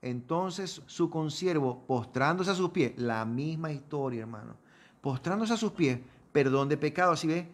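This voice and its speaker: A man's voice: on the high side, expressive, moderate pace. A man giving a sermon. He reads scripture aloud, explains it, keeps calling listeners "brother" and asks rhetorical questions. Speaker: preacher teaching a Torah portion.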